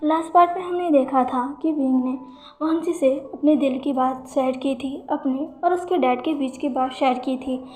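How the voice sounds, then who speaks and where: A woman channel host narrating her own fan fiction story aloud, in a slow, gentle storytelling manner. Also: sits high.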